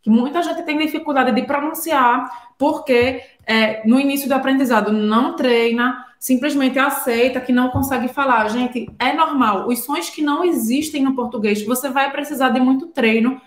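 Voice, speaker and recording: A woman teaching a language lesson, explaining patiently and spelling out sounds slowly. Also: sits high, reverberant. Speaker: French teacher.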